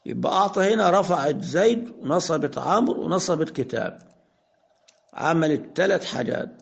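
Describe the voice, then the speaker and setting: A man with an Egyptian accent teaching Arabic grammar. He asks questions, answers them himself, and slows down to spell out example sentences. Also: a little high, expressive, gravelly. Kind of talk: explanatory lesson.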